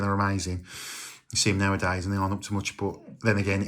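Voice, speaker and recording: A middle-aged man with a slightly low voice talks through his retro games in a relaxed, rambling way. He stops often with ums and uhs, like a casual home vlog. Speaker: retro game collector.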